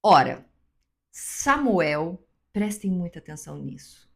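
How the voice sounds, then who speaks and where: A woman's voice: on the low side, very animated, takes it slowly, vocal fry. A woman with a Brazilian Portuguese accent giving an earnest, emphatic devotional teaching that speaks straight to the listener. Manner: earnest, emphatic, with repetitions and direct address.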